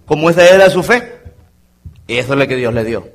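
A man preaching a sermon as a pastor in a church, swinging between loud exclamations and quiet asides. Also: mid-range voice, animated, normal speed, gravelly. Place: church sanctuary.

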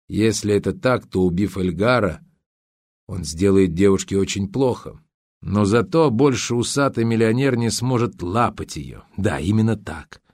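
A man's voice: lowish voice, darkish tone, no room sound, clean studio sound. A man narrating an audiobook in a dramatic reading style, acting out the dialogue. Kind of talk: scripted narration.

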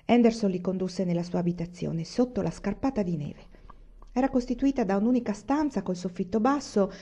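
A woman reading a novel aloud in a measured, even narration. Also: on the low side, lo-fi sound. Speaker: audiobook reader.

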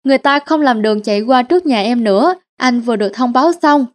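Lady doing a smug offhand young guy, quick. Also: on the high side, lightly acted. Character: young man, smug property buyer.

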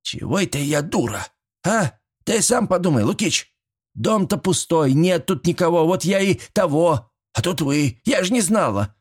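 A man voicing a feisty, sharp-tongued old village woman who scolds loudly and indignantly. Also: a little high, very animated, normal speed, husky, voice pushed up. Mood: defensive.

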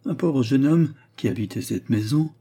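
A man's voice: medium pitch, animated, moderate pace, mellow, pitched above the performer's own voice, lightly acted. A man reading aloud voices a languid, gossiping widow in her thirties, who speaks in a plaintive, sighing, theatrical way.

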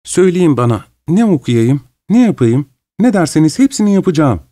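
A man reading an audiobook, voicing a brooding, earnest young woman who speaks softly and hesitantly. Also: sits low, big pitch swings, fairly quick, voice pushed up.

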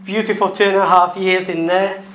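A man's voice: sits high, flat delivery, a bit bright, a little hiss or hum. A man gives his testimony in informal, English, in short phrases left open for an interpreter. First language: not English. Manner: informal, non-native phrasing in short bursts. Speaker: guest preacher. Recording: echoey room.

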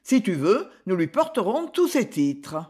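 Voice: medium pitch, very animated, unhurried, a little mellow, breathy edge. A reader voicing a scheming, triumphant middle-aged mother in an audiobook, in a raised, emphatic voice. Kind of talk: audiobook character voice.

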